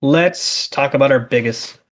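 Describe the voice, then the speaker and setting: A man's voice: medium pitch, a little slow. Male podcast host in his thirties, casual and fired up, rants freely. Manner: animated, ranting.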